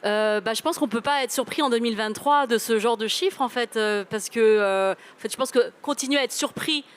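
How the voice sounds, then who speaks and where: A woman speaks on a discussion panel, picking her words slowly through frequent fillers and repeated starts. Her voice sits a little high. A faint hiss of noise runs behind her. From France. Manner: hesitant, many fillers and restarts. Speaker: panel guest.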